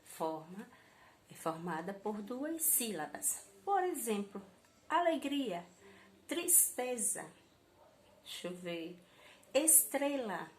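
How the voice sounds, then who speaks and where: A woman's voice: mid-range voice, very animated, slow pace, pauses often, slight background noise. A Brazilian woman primary school teacher giving a recorded class to young children, stretching out key words syllable by syllable in a patient, sing-song teaching voice. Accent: Brazilian Portuguese.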